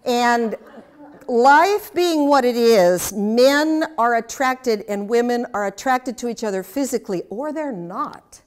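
An older woman leads a class, trading questions with her listeners and dropping in wry asides. Her voice sits a little high, and her delivery is chatty and anecdotal. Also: animated, slow. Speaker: speaker teaching a class. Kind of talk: interactive talk with audience questions.

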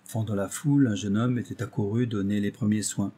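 Mellow husky male audiobook reader. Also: lowish voice, fairly even intonation, brisk. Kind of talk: literary audiobook narration.

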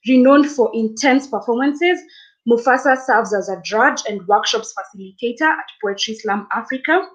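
A woman's voice: a little high, moderate pace, lo-fi sound. A young woman from Kenya hosting an online arts forum, chatting upbeat as she reads viewer comments out over a webcam in a small room. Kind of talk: live-stream hosting, reading comments. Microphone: laptop webcam mic on a video call.

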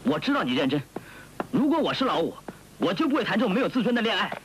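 1970s film friend from an old VHS tape: teasing, frank young man with a lively voice. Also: high voice, quick pace, a little hiss or hum, low-quality recording. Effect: old VHS tape film soundtrack.

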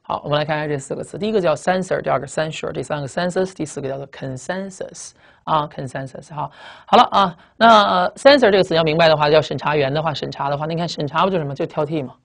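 A man giving a fast vocabulary lecture that keeps up a brisk pace through the Chinese explanations. He asks the class questions and then answers them himself. He slows down to read out the English words and spell them letter by letter. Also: fairly high pitch, vocal fry. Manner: often ends phrases with a drawn-out "ah".

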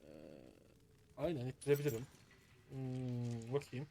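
A man's voice: mid-range voice, steady tone, measured pace, dark tone, a little hiss or hum. A man commentating his own video game play, muttering to himself in frustration as he works through a puzzle. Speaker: gaming streamer.

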